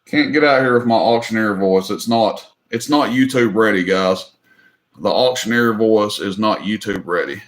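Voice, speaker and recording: Running a livestream auction, this middle-aged Southern host from Tennessee speaks at a normal pace in a fairly low voice, the room around him echoey. His banter is folksy and full of jokes, delivered in a drawl with "y'all" sprinkled throughout the casual chat.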